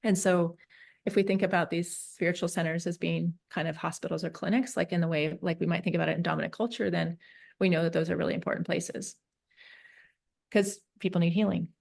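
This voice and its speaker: A woman from Northern California, a peacemaker and facilitator, talking through her thoughts in an interview with many pauses and restarts. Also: lowish voice, flat delivery, creaky, a little mellow. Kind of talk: reflective interview talk.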